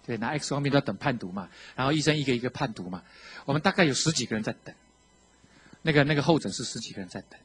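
A man with a Taiwanese Mandarin accent giving a sermon testimony, telling his story with animation and acting out the quotes, shifting between hushed and loud. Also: medium pitch, animated, rapid-fire, slight background noise. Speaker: preacher sharing his testimony.

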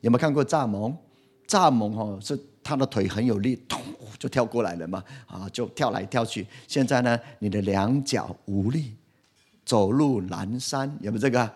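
A middle-aged man preaching a sermon. He keeps asking the congregation questions and swings from loud to soft. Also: lowish voice, moderate pace, breathy edge. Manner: lively, asks the congregation questions, animated swings in loudness. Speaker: pastor.

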